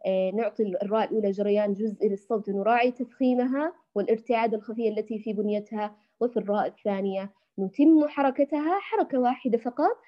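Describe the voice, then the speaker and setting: Female tajweed teacher, fairly high voice, patient demos of each sound; dull lo-fi recording. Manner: patient, demonstrates letter sounds repeatedly; addresses listeners tenderly as dear ones. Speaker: Quran recitation teacher. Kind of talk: tajweed lesson for women.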